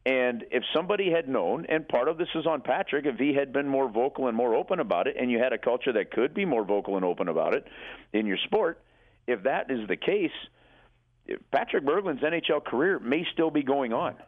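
A man's voice: medium pitch, animated, a little fast. A man giving emphatic hockey analysis as a radio commentator, calling in over the telephone and repeating words as he explains. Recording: narrow, tinny phone line.

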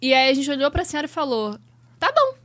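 A woman's voice: high voice, big pitch swings, fast talker, a bit bright. A Brazilian woman in a casual chat, chiming in on a shared travel story with corrections and details. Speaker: co-host and sister.

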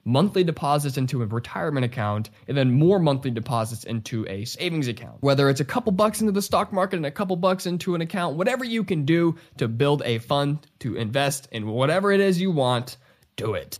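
A man's voice: a little high, big pitch swings, fairly quick. Congested young man giving direct, casual advice. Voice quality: congested, stuffy-nosed. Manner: casual, emphatic, addressing viewers directly. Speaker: YouTube host giving money advice. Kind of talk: direct-to-camera advice talk.

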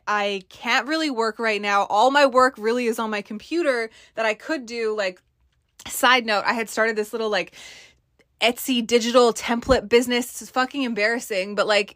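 A woman hosting a podcast, telling a blunt, profane, rambling story in a casual rant, recorded on her phone in a small closet, giving low-quality audio. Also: a bit bright, no room sound, clean studio sound. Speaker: podcast host. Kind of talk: casual ranting monologue.

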